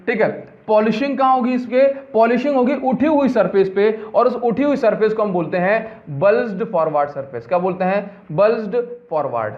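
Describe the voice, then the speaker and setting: A man teaching a physics lesson, who keeps repeating key terms and asking his students whether they have understood. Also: sits high. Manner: mixes in English terms, asks and answers his own questions. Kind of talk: classroom lecture. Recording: dull lo-fi audio.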